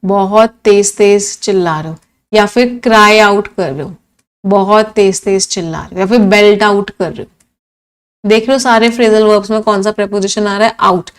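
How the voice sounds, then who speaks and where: A woman's voice: medium pitch, normal speed. A woman teaching English vocabulary for exams, asking questions and then answering them herself, repeating each meaning. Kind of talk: exam-prep vocabulary lesson in Hindi-English mix.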